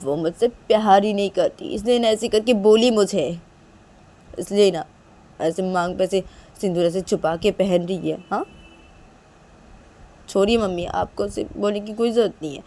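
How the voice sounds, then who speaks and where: A woman's voice: medium pitch, normal speed, pauses often, mellow, pitched above the performer's own voice, lightly acted. A woman voicing a heartbroken young woman who insistently repeats herself. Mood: upset, insistent.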